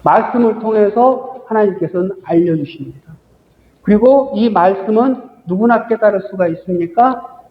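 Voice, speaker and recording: A male pastor leads a Bible study, asking his listeners emphatic questions and telling illustrative stories. His voice sits high. The recording is dull and rings with long church-hall reverb. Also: normal speed.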